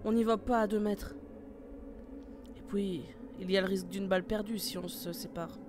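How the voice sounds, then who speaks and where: A woman's voice: medium pitch, fairly even intonation, normal speed, background noise, natural voice. A woman voicing a tough female squad leader in an amateur horror audio drama, giving curt, commanding orders. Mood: steady. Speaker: team leader.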